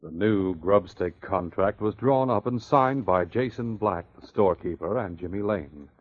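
A man's voice: deep voice, moderate pace. A man giving scripted narration for an old-time radio drama. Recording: dull, hissy, clicking old radio recording.

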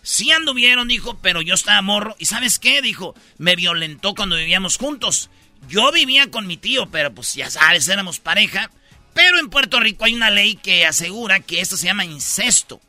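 A man's voice: high-pitched, expressive, fairly quick, sharp tone, no room sound, soft background music. A Mexican man hosting a radio show, telling jokey news stories in casual slangy chat. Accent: Mexican Spanish.

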